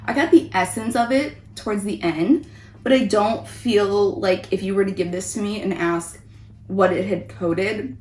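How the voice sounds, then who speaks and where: A woman's voice: mid-range voice, unhurried, a little mellow. Woman chatting in an echoey room. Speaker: host of a taste test vlog. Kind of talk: casual chatty food review. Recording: roomy echo, background noise.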